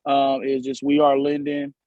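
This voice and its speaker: A man from a community group speaking casually on a panel, relaxed and hesitant. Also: medium pitch, normal speed, no room sound, muffled recording. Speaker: community organizer.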